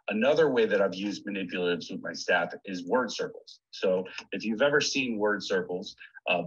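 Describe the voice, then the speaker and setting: A man's voice: low-pitched, breathy edge. A man presenting a webinar, walking viewers through a screen-share tutorial in a friendly, step-by-step way over a computer mic. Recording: dull lo-fi webinar audio.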